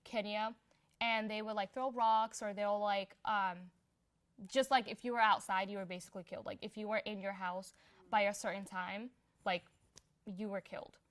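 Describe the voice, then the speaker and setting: A woman's voice: medium pitch, steady tone, moderate pace, clean tone. A young woman from Somalia in a casual personal interview, talking in a chatty, unpolished way with lots of filler words. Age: young adult. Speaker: interviewee in a community profile.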